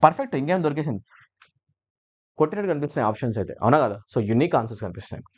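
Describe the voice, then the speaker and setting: Lively male English teacher. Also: fairly high pitch, racing, slightly rough. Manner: animated, mixes Telugu with English, keeps asking "right?". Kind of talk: exam answer-key lesson.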